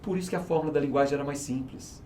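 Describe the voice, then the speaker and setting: Rapid-fire and dark in tone, a medium-pitched male voice explains a teaching method in an interview, the speaker being a company's research and market manager. He's emphatic and persuasive, often answering questions he asks rhetorically, against slight background noise.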